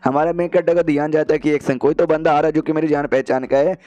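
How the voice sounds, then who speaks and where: A man's voice: fairly high pitch, steady tone, fast talker, mellow, no room sound. A man narrating a comic story recap in a casual, slangy way, quoting the characters as he goes. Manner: chatty, slangy, quotes characters in passing.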